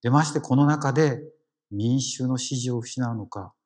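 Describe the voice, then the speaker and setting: A man's voice: mid-range voice, moderate pace, a little mellow. A man with a Kansai accent giving a conversational sermon as a lay preacher, engaging the congregation with questions. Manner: engaging, asks the congregation questions, frequent "ne" tags.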